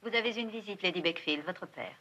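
A woman plays a brisk, firm young nurse who talks quickly in a mid-pitched voice. Noise runs under her on a dull old film soundtrack. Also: lightly acted.

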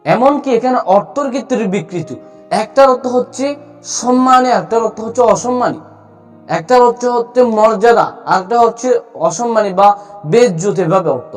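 High-voiced man teaching recitation. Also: lively intonation, faint music behind. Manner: explains slowly, repeats letter sounds for drill. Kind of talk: spoken tutorial.

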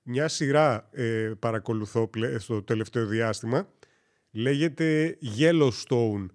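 A man's voice: mid-range voice, a little mellow. A man from Greece chatting casually on a gaming live stream, rambling and joking as he tells stories and corrects himself.

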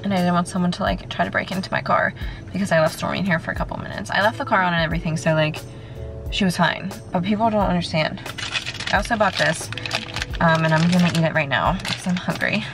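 Over music, a twenty-something woman vlogs her day from her car, kitchen and apartment, talking into a handheld phone camera at arm's length. She speaks fast with a fairly low pitch and vocal fry, chatty and rambling, dropping "like" often.

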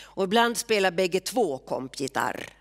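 A woman's voice: fairly low pitch, very animated. A woman voicing a big, strong teenage boy who speaks plainly, in a literary reading. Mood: blunt.

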